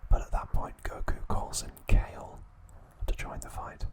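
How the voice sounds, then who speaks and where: An ASMR host narrates trivia in a slow, hushed, deliberate whisper, pausing between phrases.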